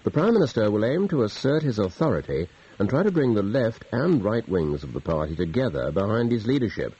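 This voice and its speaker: Deep newsreader on a tinny clock radio. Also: male voice, sing-song, mellow, husky. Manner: measured, formal news delivery. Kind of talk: reading a news bulletin. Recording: dull lo-fi radio broadcast.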